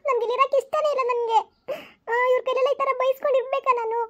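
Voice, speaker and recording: A woman's voice: extremely high pitch, steady tone, fast. A woman voicing a tearful young daughter who whines, sobs and pleads in a family skit. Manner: whining, pleading, sobbing complaints.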